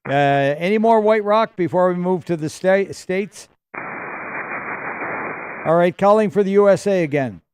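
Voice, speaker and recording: Higher-voiced man running a radio net. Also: a little slow, long pauses. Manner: chatty, hesitant delivery mixed with call-sign procedure. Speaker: amateur radio net controller. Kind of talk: informal radio net check-ins. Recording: faint static and radio clicks.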